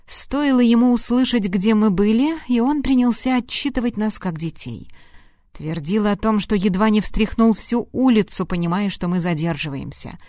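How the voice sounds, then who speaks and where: Woman narrator, audiobook reading, mid pitch, dry close-miked sound, expressive. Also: normal speed, no room sound. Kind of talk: expressive first-person novel reading.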